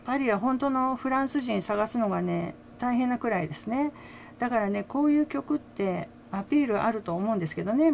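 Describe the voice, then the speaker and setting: A woman's voice: medium pitch, vocal fry, a little mellow, a little hiss or hum. An older woman chatting casually as a fan commentator, laughing often between her remarks, with many fillers. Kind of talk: casual chat.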